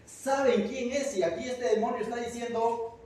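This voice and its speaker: Pastor from Peru, high voice, chatty Bible teaching; captured far off in a booming church hall. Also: male voice, fairly even intonation, normal speed, a little mellow. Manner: conversational, asks the congregation questions. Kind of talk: verse-by-verse Bible study sermon.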